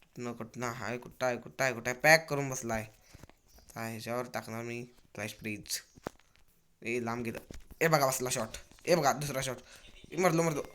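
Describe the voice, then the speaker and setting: A man giving excitable, cursing commentary on his own mobile shooter gameplay, telling viewers to keep watching. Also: medium pitch, normal speed, pauses often, a little hiss or hum. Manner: excitable, cursing trash talk. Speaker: mobile game streamer.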